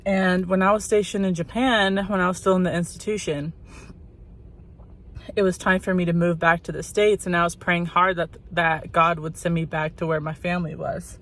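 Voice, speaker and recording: A woman's voice: lowish voice, fairly even intonation, normal speed. A woman with a sore throat and a congested, swollen-sounding voice, slightly muffled by a cough drop, giving an earnest personal faith testimony as a vlogger. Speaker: channel host.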